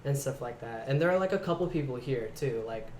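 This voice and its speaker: A young man from the Bay Area, a guest in a casual interview chat, talking reflectively and trailing off quietly at the ends of his thoughts. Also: medium pitch, expressive, fast, roomy sound, slight background noise. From San Francisco Bay Area. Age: young adult.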